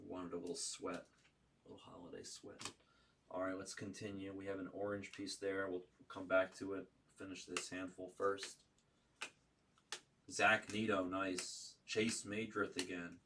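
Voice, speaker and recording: A man's voice: low-pitched, flat delivery, unhurried, bright, forceful tone. A man working as a card break host, giving casual running commentary and calling out names and serial numbers in short bursts. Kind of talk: casual running commentary while opening trading cards. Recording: distant mic with faint background noise.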